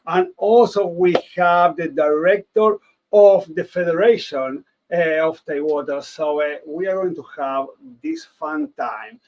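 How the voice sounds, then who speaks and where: A man from Argentina with an Argentine Spanish accent chats casually as a podcast host, excitable and repeating words for emphasis. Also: sits high, unhurried, highs cut off. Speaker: rabbi hosting a podcast.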